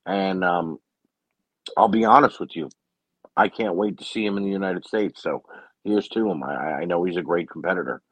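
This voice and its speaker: A man's voice: deep voice, normal speed, a bit bright, dry recording, poor audio. A man giving a casual, rambling solo recap of a wrestling show, full of opinions and filler words.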